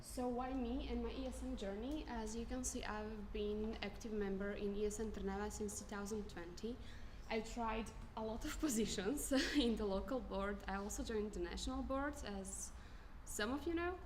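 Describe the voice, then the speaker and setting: A woman's voice: medium pitch, normal speed, few pauses, noisy background. A woman in her twenties from Croatia giving a candidacy speech at an assembly, informal with many fillers and restarts. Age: 20s.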